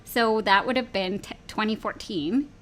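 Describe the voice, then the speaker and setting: A woman's voice: medium pitch, measured pace, fairly bright tone. A woman hosting a podcast, eager and gushing, asking curious questions. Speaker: podcast host. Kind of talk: casual interview chat.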